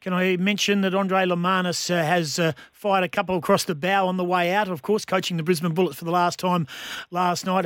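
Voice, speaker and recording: A blokey Australian man interviews on sports radio. His voice sits high for a man and sounds dry, with no room around it. He talks colloquially and matily. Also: fairly bright tone, no echo.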